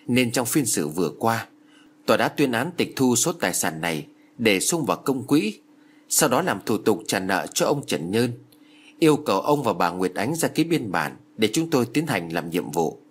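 A man voicing a stern middle-aged male court bailiff who reads out orders formally, in a husky voice. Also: on the low side, big pitch swings, normal speed. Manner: formal, pompous reading of orders.

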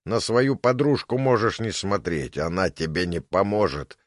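A man doing a smug bass-voiced giant thug. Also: animated, moderate pace, no room sound, clean studio sound. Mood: menacing. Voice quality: booming bass. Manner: smug, threatening. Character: menacing hulking male twin thug.

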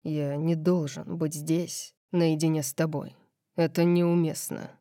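A woman voicing a brooding male vampire teacher with a rough, clipped way of speaking. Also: sits low, little pitch movement, measured pace, dark tone, no echo, clean studio sound, voice pushed down. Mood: gruff.

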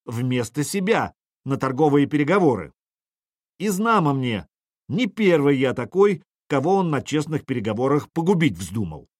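A man doing a rousing young leader, booming. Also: very animated, moderate pace, no echo, studio quality. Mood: declaiming. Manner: loud, declaiming. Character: bold young male leader rousing a crowd.

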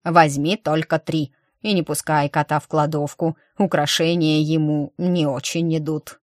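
A woman's voice: deep voice, no echo, studio quality. A woman playing a sly old dwarf cook. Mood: teasing. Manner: slow, calm and teasing.

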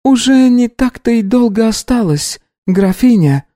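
Casting: woman playing a capable housekeeper-midwife, raised lively voice, firm and reassuring, dry close sound. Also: a little high, measured pace, no echo. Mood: calm, firm. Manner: firm, soothing, matter-of-fact. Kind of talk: audiobook reading.

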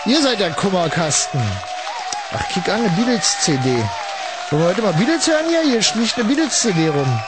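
A man's voice: sits high, big pitch swings, fairly quick, over loud music, a loud crowd. A man hosting a late-night call-in radio show, rambling ironically and chatting with callers. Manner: rambling, ironic, addresses listeners as kids. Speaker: radio host.

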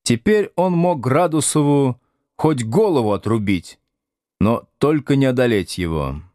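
Неторопливый мужчина-чтец аудиокниги. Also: male voice, mid-range voice, expressive, unhurried, mellow, dry recording, clean studio sound. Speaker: audiobook narrator. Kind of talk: scripted narration.

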